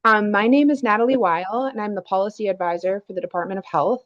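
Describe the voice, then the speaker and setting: A woman's voice: medium pitch, fast, fairly bright tone. A woman policy advisor testifying remotely over a video call, hesitant and apologetic, speaking into her laptop microphone. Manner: apologetic, hesitant, restarts often. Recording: muffled lo-fi laptop mic.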